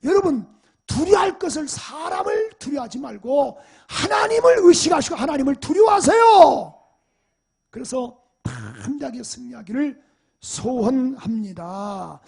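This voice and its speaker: A man preaching in a church in a high voice with a gravelly, rough edge. He asks the congregation question after question and drives his points home with emphasis. His tone stays husky and a little breathy throughout. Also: darkish tone. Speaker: pastor. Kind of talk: sermon. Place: church sanctuary.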